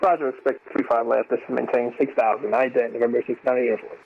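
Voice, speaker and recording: A man's voice: mid-range voice, flat delivery, creaky. Man's radio calls over a tinny link. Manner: clipped, measured radio phraseology. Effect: heard over a tinny radio link. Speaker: pilot calling air traffic control. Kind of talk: radio calls in a flight simulation. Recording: tinny radio line with faint music.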